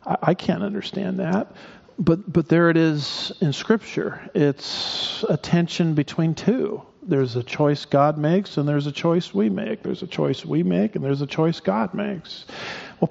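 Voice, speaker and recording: Man, pastor, preaching with casual asides; lightly raised pitch, muffled recording. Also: measured pace, gravelly, darkish tone, slightly rough. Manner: conversational preaching with asides and restarts. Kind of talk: sermon.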